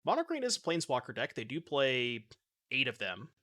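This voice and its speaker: A thirties-aged man plays a card game live from his home setup, bantering with chat through a desk mic and webcam. He talks briskly at medium pitch, his voice swooping wildly and sounding pushed and bright.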